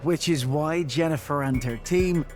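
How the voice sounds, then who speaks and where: A man's voice: on the high side, a little slow. A man reading scripted television documentary narration, with music behind him.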